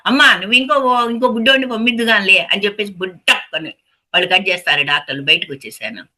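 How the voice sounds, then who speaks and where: A meditation teacher delivers a spiritual talk in a lowish, bright and forceful voice. She poses rhetorical questions to her listeners and repeats phrases to drive her points home.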